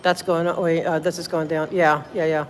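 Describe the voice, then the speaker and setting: A woman livestreams on a noisy phone in a deep, flat voice at moderate speed, walking public building hallways and elevators while filming city meetings. She chats loosely, thinking aloud and thanking her viewers.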